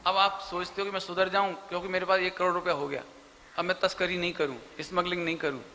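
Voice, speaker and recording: A man giving a religious sermon, animated and emphatic, speaking directly to his listeners. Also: sits high, fast. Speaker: Jain preacher. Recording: echoey hall with faint noise.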